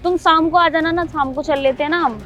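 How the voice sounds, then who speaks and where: A woman's voice: sits high, fairly even intonation, a little fast, a bit bright, slight background noise. A woman acting a defiant, argumentative wife in a scripted drama. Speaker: scheming wife in a short drama. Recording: faint background music.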